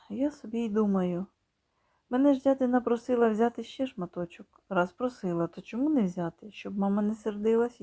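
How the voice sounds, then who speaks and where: A woman reading a children's story in slow, expressive scripted narration, sometimes dropping to a whisper. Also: mid-range voice. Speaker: audiobook reader.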